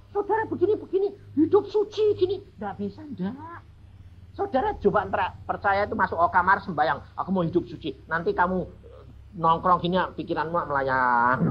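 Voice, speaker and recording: A man's voice: on the high side, muffled recording, slight background noise. A male evangelist with a Javanese accent, preaching a humorous storytelling sermon and speaking straight to the congregation. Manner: humorous, chatty, addresses the congregation as "saudara".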